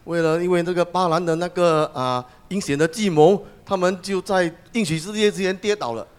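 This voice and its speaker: A man's voice: high voice, fairly quick, smooth. A man interpreting a sermon phrase by phrase, with some hesitations as he goes.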